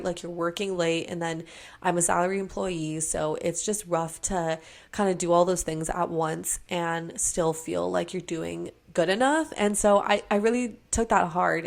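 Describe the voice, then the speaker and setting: A woman's voice: on the low side, creaky. A woman in her twenties talking casually and earnestly in a sit-down podcast-style vlog, filling her sentences with "like" and "you know.". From Hawaii. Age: 20s. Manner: chatty, filler-heavy, earnest. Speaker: vlogger. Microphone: camera mic, sit-down framing.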